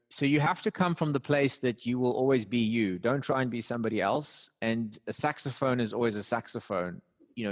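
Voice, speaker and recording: A man who is a voice actor and communication trainer, explaining vocal tips with animated emphasis in an interview. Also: mid-range voice. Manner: explanatory, animated, laughs easily. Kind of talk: conversational interview.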